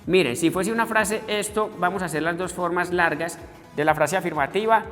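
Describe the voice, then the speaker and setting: A male English teacher walks his students through grammar step by step, addressing them warmly as a group. His voice rings with a long echo in the room, and faint music plays underneath. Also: high-pitched, fairly quick. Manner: explains step by step, addressing students as muchachos and voicing their questions. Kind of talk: recorded classroom lesson.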